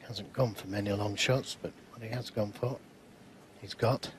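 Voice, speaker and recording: Unhurried male snooker commentator with background noise. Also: lowish voice, fairly even intonation. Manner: measured, unhurried remarks in short phrases. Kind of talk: sports commentary. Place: live snooker broadcast commentary.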